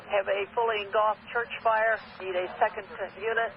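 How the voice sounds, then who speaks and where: A man's voice: high-pitched, flat delivery, moderate pace, crowd noise. A man working as a fire dispatcher, giving clipped emergency radio messages and repeating addresses and unit numbers. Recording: dull radio channel, faint noise.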